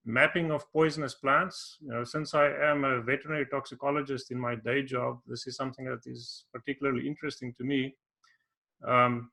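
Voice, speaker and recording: A South African man giving an online workshop talk, unhurried and hesitant, with many ums and restarts. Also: medium pitch, creaky, sharp tone. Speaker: workshop presenter. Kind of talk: conference presentation.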